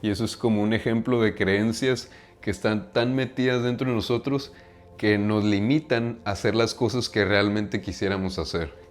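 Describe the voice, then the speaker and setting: With a fairly low pitch, a steady tone and a normal speed, a Mexican-accented man from Mexico addresses his viewers about self-improvement. It's a casual monologue to camera full of slang, and he often finishes sentences with a questioning "right?"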